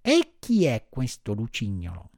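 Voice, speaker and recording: A man voicing a kind little female marmot in an audiobook, speaking in a soft, sorrowful, consoling way. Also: mid-range voice, wildly swooping pitch, unhurried, vocal fry, no room sound, clean studio sound, heavily acted.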